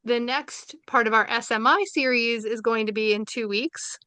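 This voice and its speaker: A woman's voice: fairly high pitch, fairly even intonation, normal speed, sharp tone, clean tone, no echo. A woman with a New York accent from Brooklyn, chatty and enthusiastic, with many fillers, wrapping up a webinar over a video call. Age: adult with young children. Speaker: seminar moderator. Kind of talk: closing remarks on a webinar.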